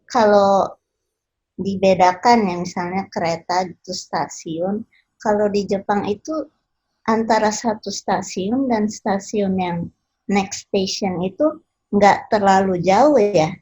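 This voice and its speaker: A woman's voice: mid-range voice, slow, darkish tone, husky, poor audio. A woman who grew up in Indonesia and Japan, talking casually as a guest in a discussion.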